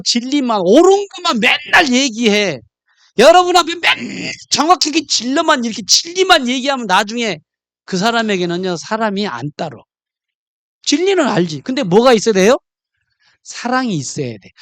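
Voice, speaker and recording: Animated man preaching a sermon. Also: extremely high pitch, dry recording, clean studio sound. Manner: animated, questions the congregation. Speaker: pastor.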